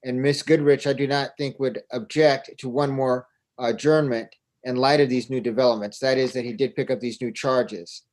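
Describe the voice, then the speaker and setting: A male attorney addresses the court in a formal, deferential manner, repeatedly deferring to the judge. His voice sits at an ordinary mid pitch and has a plain, steady delivery. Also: moderate pace. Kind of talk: courtroom argument.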